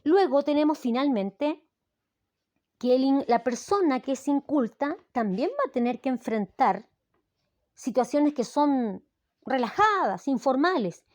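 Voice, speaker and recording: A woman's voice: high voice, animated, measured pace, a little mellow, no room sound. A middle-aged Chilean woman explaining a language lesson, checking in often with her students. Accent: Chilean Spanish. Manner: explanatory, with frequent "¿ya?" check-ins. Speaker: language teacher. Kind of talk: recorded lesson.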